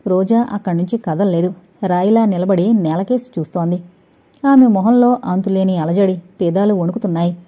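A woman narrating a suspense audio novel in a steady, scripted storytelling voice. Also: mid-range voice, moderate pace. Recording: dull lo-fi recording.

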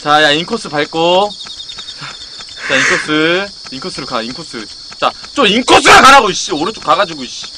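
A young adult male streamer coaching a teammate through a horror game, swinging between gentle reassurance and frantic yelling. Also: a little high, big pitch swings, moderate pace. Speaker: gaming streamer. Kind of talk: horror game relay commentary. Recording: clear background noise, game ambience with crickets.

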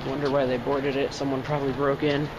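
A vlogger walks around outside a closed store, by an empty store and its parking lot, casually narrating, thinking aloud and being easily amazed. His mid-range voice is fast and completely flat. The lo-fi recording carries outdoor noise and traffic beneath him.

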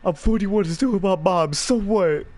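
A man's voice: high voice, normal speed, darkish tone. A man streaming gameplay, talking to his chat in a slangy, casual way full of swearing. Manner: slangy, swears a lot, chats with viewers.

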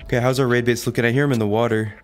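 Man doing casual gameplay commentary, slightly low voice. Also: steady tone, rapid-fire, noisy background. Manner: informal, exclamatory slang to viewers. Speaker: gaming video creator narrating his play.

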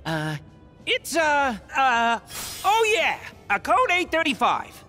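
An actor voicing a small, nervous, fast-talking monster in an animated game, stammering excuses like a caught thief. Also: male voice, very high-pitched, soft background music, full character voice. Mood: flustered, caught out. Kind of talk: animated video game acting.

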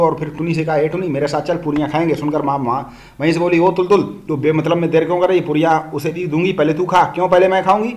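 Fast-reading male teacher telling a story. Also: a little high. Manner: storytelling with dialogue, pausing to explain to pupils. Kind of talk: reading a textbook story aloud for a class.

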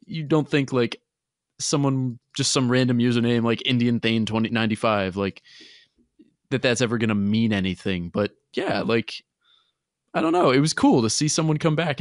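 A man's voice: fairly low pitch, no echo, clean studio sound. A man co-hosting a fan podcast in casual chat, rambling with many restarts. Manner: rambling, frequent restarts and laughs. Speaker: podcast co-host.

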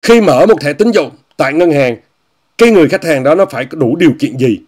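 Brisk and lively, this man's slightly mellow voice sits on the higher side. Addressing viewers in an online commentary monologue, he keeps repeating phrases and saying "quý vị" while scornfully ridiculing whatever he discusses.

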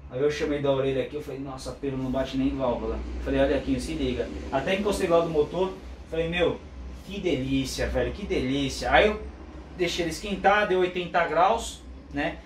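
A man's voice: a little high, brisk. A man casually telling a story and acting out both sides of the conversations. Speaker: motorcycle vlogger. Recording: roomy room, mic at a distance, faint background hum.

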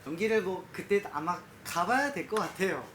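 A Korean father in his thirties, speaking politely in an interview and then exclaiming loudly in surprise. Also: sits high, lively intonation, normal speed. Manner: polite and plain when interviewed, loud startled exclaiming during the prank. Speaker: father taking part in a prank. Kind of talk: casual interview, then excited reactions. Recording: echoey room with background noise.

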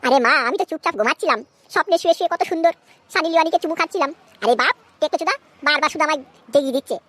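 A woman's voice: high voice, very fast, a bit bright, no room sound. A woman voicing a sulky, bratty grown son in a cartoon, whining and complaining about his family. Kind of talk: comic Bengali cartoon voice acting.

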